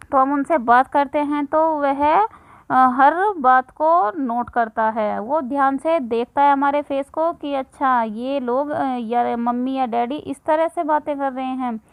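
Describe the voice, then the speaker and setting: A woman in her thirties, a mother giving parenting tips in a casual instructional talk, conversational, with frequent filler pauses. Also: high voice, no echo, rough recording.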